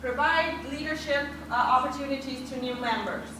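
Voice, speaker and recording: Brisk woman presenting in an echoey room. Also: sits high. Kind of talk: group presentation. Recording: echoey room from far off with noise.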